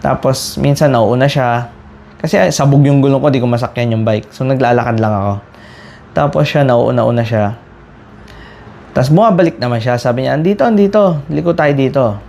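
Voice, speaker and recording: A man's voice: mid-range voice, normal speed, vocal fry, pauses often, slight background noise. Man animatedly retelling a bike crash. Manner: animated retelling with frequent restarts; exasperated about a bike crash. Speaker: cycling vlogger. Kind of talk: casual storytelling.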